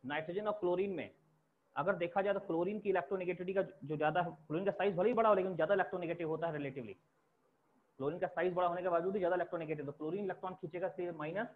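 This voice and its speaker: A man's voice: sits high, rapid-fire. A male chemistry teacher lecturing a class, explaining step by step and repeating key terms for students to write down. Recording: tinny phone-like lo-fi recording.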